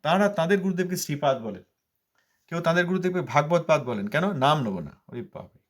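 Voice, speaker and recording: A man with a fairly high-pitched voice delivers a devotional sermon. He drives points home by repeating them and answers his own rhetorical questions. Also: lively intonation, quick pace. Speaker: spiritual teacher expounding scripture.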